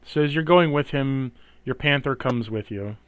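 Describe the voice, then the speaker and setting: A man's voice: medium pitch, normal speed, clean tone, no room sound. A man narrating a tabletop fantasy game as its game master, explaining events and rules to players.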